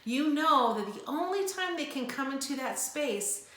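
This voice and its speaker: A woman's voice: high-pitched, expressive, a little slow, fairly bright tone. An older woman who owns a preschool, giving earnest, reassuring parenting advice and sometimes acting out a child's whine. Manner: earnest, reassuring, acts out whiny child voices. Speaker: preschool owner. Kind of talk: parenting advice talk to camera. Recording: echoey room.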